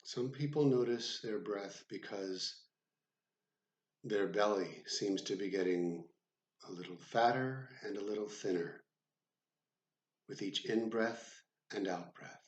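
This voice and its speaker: The audio is lo-fi and roomy, with clear echo, as a male psychotherapist in a room with an open door guides a body scan meditation. His low voice moves very slowly and deliberately through short phrases, pausing often in a measured way.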